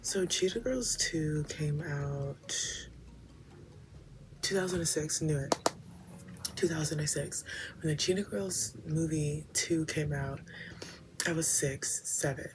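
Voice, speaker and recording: A woman in her twenties chatting casually and reflectively as a vlogger, soft-spoken and often dropping into half-whispers, with plenty of fillers. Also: sits low. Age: 20s. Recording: steady ambient background noise.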